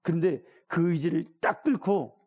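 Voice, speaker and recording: A middle-aged pastor delivers a colloquial sermon at a moderate pace, questioning his congregation and acting out the story's characters. His voice is on the high side and a little mellow.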